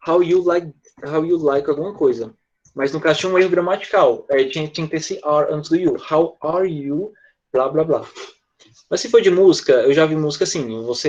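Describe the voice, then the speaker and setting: A man with a Brazilian Portuguese accent teaching English in an online class, chatty and joking, slowing down to model English phrases. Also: on the high side, a little mellow, highs cut off.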